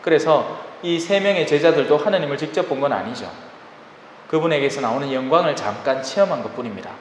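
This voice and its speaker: Lively priest lecturing in an echoey hall. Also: male voice, on the high side. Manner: lively and conversational, addresses listeners directly; acts out everyday people in quick voices. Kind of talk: Bible lecture in a sermon manner. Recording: roomy reverberant hall with faint ambient noise.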